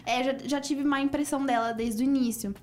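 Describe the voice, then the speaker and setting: A woman's voice: high voice, fairly even intonation, fairly quick, darkish tone. A woman co-hosting a podcast, telling a personal story in a playful, laughing way. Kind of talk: casual storytelling.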